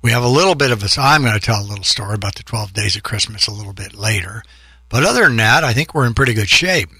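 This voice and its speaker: Husky-voiced chatty man hosting. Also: lowish voice, lively intonation, fast talker, sharp tone, dry recording, clean studio sound. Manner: loose, chatty, upbeat. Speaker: podcast host. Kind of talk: casual rambling show talk.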